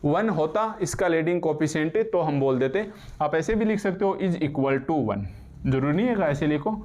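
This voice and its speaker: Guy maths teacher, kinda high voice, drills students with questions. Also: a little mellow. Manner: explains in Hindi with English terms, slow dictation, asks students questions. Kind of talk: classroom lecture.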